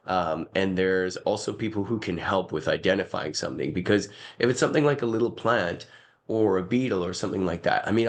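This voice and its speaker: A man with a croaky voice giving a conference talk, hesitant with many fillers, over a video call. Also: fairly low pitch. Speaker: conference speaker.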